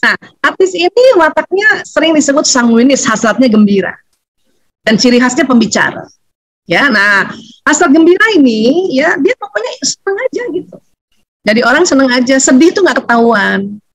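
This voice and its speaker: A middle-aged woman giving a lively seminar talk on family life, chatty and laughing often. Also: high-pitched, moderate pace, no echo, rough recording. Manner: animated, chatty, laughs often, acts out quotes. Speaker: seminar speaker on family relationships.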